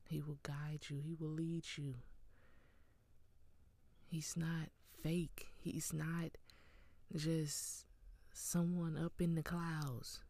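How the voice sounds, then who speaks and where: A woman gives an earnest, encouraging devotional talk with an unhurried, gravelly voice. She often sinks into a soft whisper, her tone warm and mellow. The sound is close and dry. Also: sits low, no room sound. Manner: earnest, encouraging, with small laughs.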